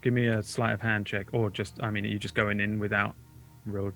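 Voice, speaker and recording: Creaky-voiced tabletop game master. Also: medium pitch, little pitch movement, fairly quick, a bit bright, soft background music.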